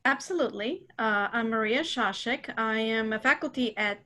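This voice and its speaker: A woman's voice: on the high side, moderate pace, bright, forceful tone. A woman from Croatia introducing herself as dental faculty on a video call, chatty with frequent fillers. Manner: chatty, light laughs, many fillers.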